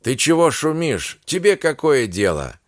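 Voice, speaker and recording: A man's voice: on the high side, sing-song, unhurried, no echo, studio quality, pitched above the performer's own voice. A man voicing a cold, insolent Cossack soldier who answers in curt, sneering retorts, within an audiobook reading.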